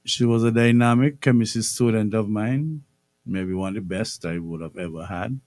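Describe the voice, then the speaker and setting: A middle-aged man hosting a radio interview show, speaking in a measured way and repeating phrases for emphasis. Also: fairly low pitch, a little mellow, no room sound. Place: radio studio.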